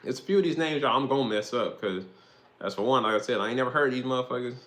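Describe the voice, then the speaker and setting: A man's voice: mid-range voice, very fast, a bit bright. Slangy man rambling about football. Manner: rambling, slangy, swears freely. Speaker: host. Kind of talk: casual football commentary monologue.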